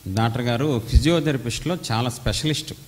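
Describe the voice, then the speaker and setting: A man in his forties preaches with force and drama, swinging between raised and hushed delivery. His voice rings with long reverb from a meeting hall. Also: mid-range voice, fast talker. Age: 40s. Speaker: pastor. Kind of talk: sermon.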